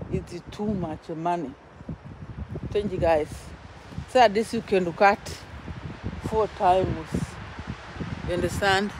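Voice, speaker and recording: Slow-talking Burundian woman vlogging outdoors. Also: mid-range voice. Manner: emphatic, repeats words and phrases. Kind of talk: casual outdoor vlog. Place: outdoors, walking in a forest. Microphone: phone at arm's length. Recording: noisy outdoor phone recording, wind and rustling.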